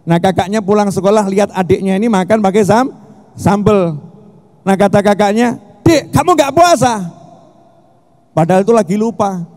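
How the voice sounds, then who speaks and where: A middle-aged man preaching a sermon at a festival, telling stories with jokes and shouting for emphasis. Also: sits high, a little fast. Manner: animated, joking storytelling with shouted emphasis. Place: large hall at a religious festival. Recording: long hall reverb.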